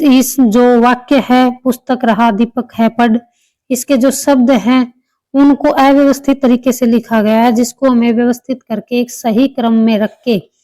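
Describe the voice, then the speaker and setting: A woman's voice: on the high side, dark tone, no echo, rough recording. A woman teaching an exam-prep grammar lesson, explaining step by step and repeating answers.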